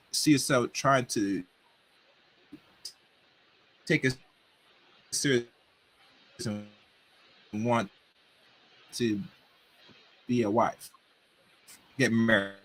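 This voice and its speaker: A man's voice: mid-range voice, a bit bright, poor audio. Man on a choppy, cutting-out video call. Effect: choppy video call audio that keeps cutting out. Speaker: panel guest on a live stream. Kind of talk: casual panel discussion.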